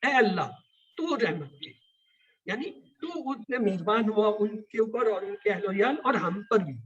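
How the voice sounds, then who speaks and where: A man's voice: high voice, expressive, lo-fi sound, crowd noise. A man teaching an online Quran class, explaining words and asking the class questions. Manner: explains and asks questions, repeats key words.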